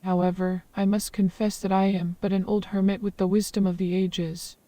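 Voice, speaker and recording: A woman's voice: mid-range voice, level tone, normal speed, mellow, no echo, distant mic, close to an everyday voice. Synthetic female voice as a flowery old forest hermit. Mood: calm, flowery. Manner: ornate, long-winded, formal phrasing.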